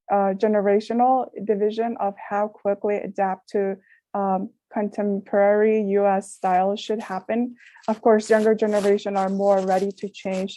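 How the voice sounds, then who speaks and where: Uma jovem mulher do Afeganistão apresenta com cuidado, hesitando e recomeçando frases. Tem uma voz suave e escura, gravada de forma seca, sem eco. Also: female voice, mid-range voice, warm tone, no echo. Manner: careful, halting with restarts. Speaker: social work intern presenter. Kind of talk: prepared presentation.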